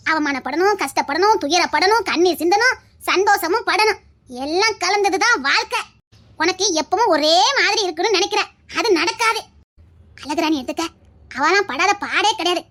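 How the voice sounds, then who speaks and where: A blunt old village grandmother with a Tirunelveli accent lectures and teases in a lowered, gravelly-sounding register, as a woman acts her out. She talks like someone who has seen it all. This is a one-voice audio drama. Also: pushed and bright, full character voice. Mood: lecturing. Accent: Tirunelveli Tamil. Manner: scolding, lecturing, teasing.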